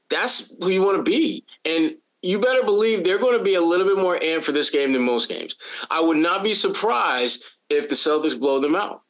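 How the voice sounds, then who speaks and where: A man co-hosting a sports podcast in casual chat, talking in an animated, lively way with frequent restarts and playful bits. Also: fairly high pitch. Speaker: podcast co-host.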